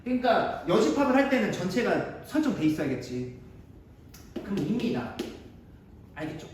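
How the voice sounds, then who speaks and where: A man's voice: high voice, big pitch swings, moderate pace. A man teaching a math class, chatty and digressive, bantering with his students in a casual way. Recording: echoey room, mic at a distance, faint noise.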